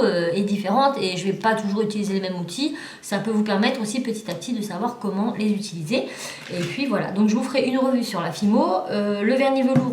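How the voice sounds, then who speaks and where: A woman's voice: medium pitch, a little hiss or hum. Chatty French woman in an echoey room. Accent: southern French. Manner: chatty, many fillers and restarts. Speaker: craft YouTuber reviewing a parcel. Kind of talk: casual chat.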